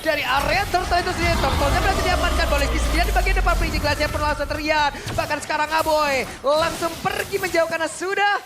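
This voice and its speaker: A high-voiced Indonesian woman works as an esports caster, calling plays with excited, animated delivery. Loud music runs underneath her commentary. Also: quick pace, few pauses, over a noisy crowd. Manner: animated, shouts names and key plays.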